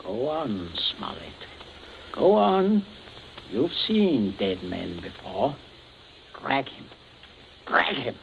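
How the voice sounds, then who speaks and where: An actor playing a scheming middle-aged father in a 1940s radio play, coldly jovial and suave while giving orders. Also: medium pitch. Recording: dull old radio recording, faint hiss.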